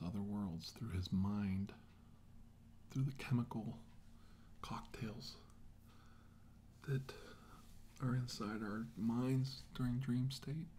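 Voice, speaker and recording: A middle-aged ASMR role-play actor voices a grim military scientist full of remorse. The mood is solemn and intense, and his low voice comes in slow, short, hushed, halting phrases that often fall to a whisper, heard over clear background noise.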